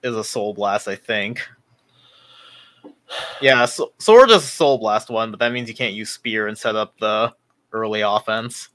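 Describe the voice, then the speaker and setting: A man's voice: lowish voice, a little slow, pauses often, fairly bright tone, no room sound. A man in his twenties co-hosting a casual podcast, thinking aloud and explaining step by step. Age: 20s. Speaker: podcast co-host. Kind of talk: casual chat.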